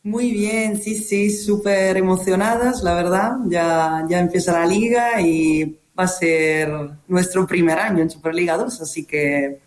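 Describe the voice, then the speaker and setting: A woman's voice: fairly low pitch, fairly even intonation, reverberant. A woman from Italy, a volleyball team captain, talking cheerfully in a radio interview and laughing often. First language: Italian. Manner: cheerful, laughs often, talks in quick bursts.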